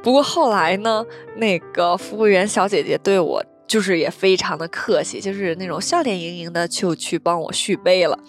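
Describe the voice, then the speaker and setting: A woman's voice: fairly low pitch, normal speed, hardly any pauses, faint music behind. A young woman from Beijing hosting a solo podcast, telling stories in a chatty way and acting out the voices she quotes. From Beijing, China. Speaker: podcast host.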